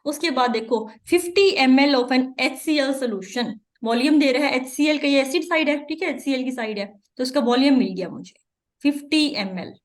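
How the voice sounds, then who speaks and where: A woman giving an exam-prep chemistry lecture, explaining step by step and repeating key terms. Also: sits high. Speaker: chemistry teacher.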